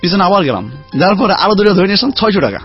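A man telling a lively story about his life as a guest in a casual chat. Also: high voice, rapid-fire, husky. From Khulna region, Bangladesh. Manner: lively anecdotal storyteller, chatty. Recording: dull lo-fi sound with faint music.

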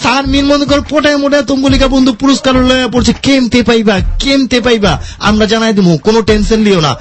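Man with an Old Dhaka dialect, very high pitch, comic radio host who jokes around. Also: steady tone, a little fast. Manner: joking, playful, teasing. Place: radio studio.

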